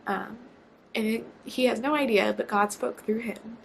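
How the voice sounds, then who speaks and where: A woman's voice: on the high side, fairly even intonation, moderate pace, creaky, slight background noise, low-quality recording. A young woman from Georgia, chatty and near tears as she tells a personal story for her vlog. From Georgia, USA. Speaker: vlogger.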